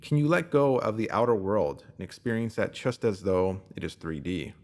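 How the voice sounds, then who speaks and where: Speaking straight to the listener, a man narrates a scripted self-help piece with a spiritual bent, guiding in a measured, instructive way. His voice sits on the low side, animated yet a little mellow.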